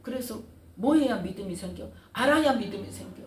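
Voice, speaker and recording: A woman's voice: on the high side, brisk. A woman pastor preaching a sermon, engaging the congregation with frequent questions and answers. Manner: animated preaching with call-and-response questions. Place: church sanctuary. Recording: roomy echo, distant mic, faint room noise.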